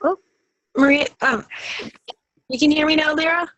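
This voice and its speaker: A woman calling in over a spotty, breaking-up connection, talking in halting starts and restarts. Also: sits high, fairly even intonation, fairly bright tone, no room sound, highs cut off. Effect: breaking up, spotty call connection. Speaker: caller on a parent advocacy call. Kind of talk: casual call-in talk.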